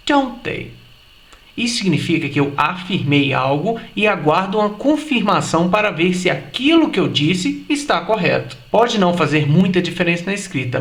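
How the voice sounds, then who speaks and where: A man teaching an English grammar lesson, explaining patiently and slowing down to say example phrases. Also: a little high, a bit bright, roomy sound.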